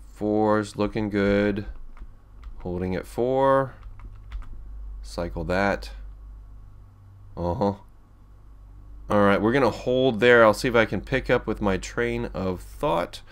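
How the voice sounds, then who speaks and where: Man, lowish voice, let's play host, casual rambling gameplay commentary. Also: takes it slowly, long pauses, smooth. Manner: rambling and chatty, with frequent restarts and chuckles.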